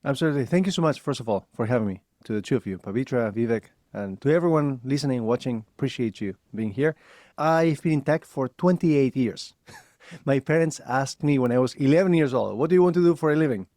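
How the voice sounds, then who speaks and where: Dark-voiced man from Argentina. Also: medium pitch, brisk, dry recording, studio quality. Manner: animated storyteller, laughs often. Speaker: guest. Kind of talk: casual interview.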